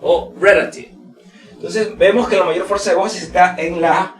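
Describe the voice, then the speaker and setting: A man giving a pronunciation lesson in a casual teaching manner, repeating example words slowly to show stress. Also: high-pitched, steady tone, echoey room, far from the mic, rough recording. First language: Spanish. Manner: slow, drawn-out model words repeated for stress. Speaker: English teacher.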